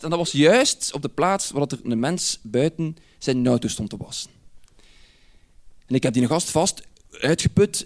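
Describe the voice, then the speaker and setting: A Flemish man from Ghent telling a personal anecdote in a lively way, laughing as he goes and using dialect words. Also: fairly high pitch. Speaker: storyteller.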